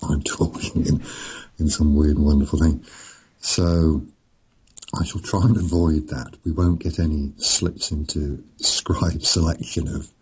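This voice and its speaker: A middle-aged man, an author, chatting casually in a slow, rambling, storytelling way with a chuckle here and there. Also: fairly even intonation, a little mellow, low-quality recording. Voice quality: very deep gravelly voice. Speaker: author and podcast guest. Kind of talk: casual chat.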